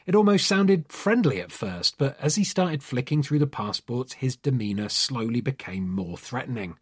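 A man narrating a story in a measured, dramatic storytelling manner. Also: mid-range voice, animated, breathy edge. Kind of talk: scripted true-crime style story narration.

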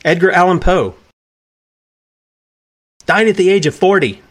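A man's voice: sits high, expressive, a little slow. A man preaching in a sermon-style podcast, earnest and emphatic, with plainspoken, folksy phrasing and repeated key lines for weight. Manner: earnest and emphatic, pressing his points hard.

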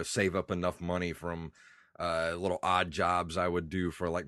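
A congested man in his thirties rambles nostalgically as a podcast co-host, his voice sitting very low. The sound is dry and close, with no room around it. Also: fairly bright tone, no echo. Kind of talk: casual chat.

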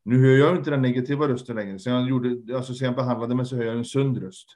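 A man's voice: medium pitch, fairly even intonation, darkish tone. A man speaking as a guest in a candid conversation, earnest and reflective, often trailing off and repeating words. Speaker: podcast guest, lecturer.

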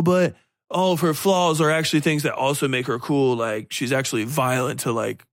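A podcast host with a mid-range voice rambles through a casual book review in blunt, irreverent, profanity-heavy slang. The sound is dry and studio-clean.

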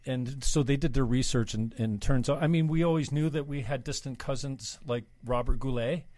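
A middle-aged man hosting a casual interview, talking in a halting, meandering, informal way. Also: mid-range voice, warm tone, no echo. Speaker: interview host. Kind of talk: casual chat, loosely improvised interviewing.

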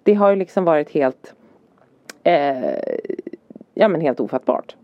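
Lively Swedish mother telling stories. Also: low voice, no room sound. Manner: animated storytelling, acting out her son's and her own lines. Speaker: podcast co-host. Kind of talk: casual chat. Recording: slightly dull dry podcast audio.

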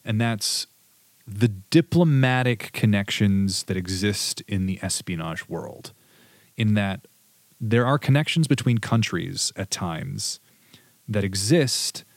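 Man, low voice, podcast host, casual chat, reads quotes, dry sound. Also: expressive, slow, no echo. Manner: conversational, reads quotes from sources.

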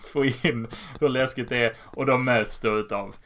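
Swedish man recapping a comic, animated. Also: medium pitch. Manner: animated retelling, laughs often. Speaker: podcast host. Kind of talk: casual comic book recap.

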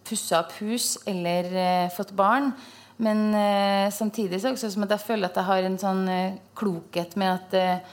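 A woman's voice: mid-range voice, steady tone. A woman hosting an interview, talking in a thoughtful way and searching for her words as she goes. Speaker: host. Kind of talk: conversational interview.

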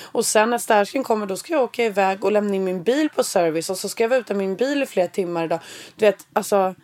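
A woman's voice: mid-range voice, darkish tone. A woman in her thirties co-hosting a casual podcast, talking frankly and plainly and swearing casually. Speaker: podcast co-host.

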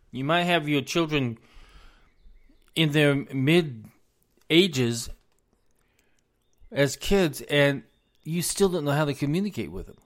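A slightly high, fairly bright male voice delivers heartfelt, casual parenting tips straight to mothers and fathers. He says things more than once to drive them home, and he's losing his voice.

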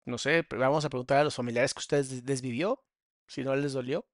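A man's voice: mid-range voice, steady tone, fairly quick, no room sound, studio quality. A man with a Mexican accent, giving mocking, crude, sarcastic reaction commentary as a psychologist.

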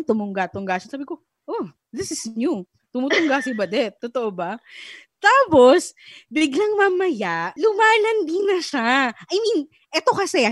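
A woman's voice: fairly high pitch, no echo. A woman telling a teasing story to friends in casual chat, swearing freely. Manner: animated teasing storytelling in mixed Tagalog and English, swears freely.

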